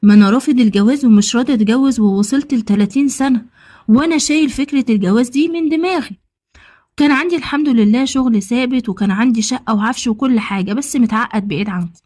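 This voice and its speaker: A woman with an Egyptian accent tells a story in the first person as a man of about thirty, talking fast and acting out the dialogue herself. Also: fairly high pitch, a little mellow, natural voice. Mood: wistful. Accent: Egyptian Arabic. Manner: rapid, conversational retelling with quoted dialogue. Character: man around thirty, newly married, smitten and confessional.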